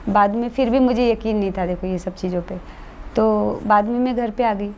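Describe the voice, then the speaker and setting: A woman's voice: medium pitch, moderate pace, darkish tone, a little hiss or hum. A woman, earnestly recounting her own experience as an interview guest. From India. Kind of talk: personal account in an interview.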